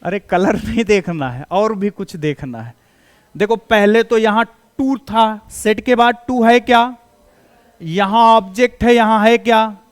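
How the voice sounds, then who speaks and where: A man's voice: high voice, measured pace, clear, resonant tone. A man with a Hindi accent teaching English grammar to students. He keeps asking quiz questions and answering them himself, in a coaxing, reassuring tone. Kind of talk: classroom grammar lesson.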